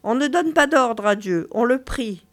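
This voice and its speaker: A woman reading a weary, deadpan God. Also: a little high, a little slow. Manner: dry, understated literary reading. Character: weary deadpan male God who feels he doesn't exist.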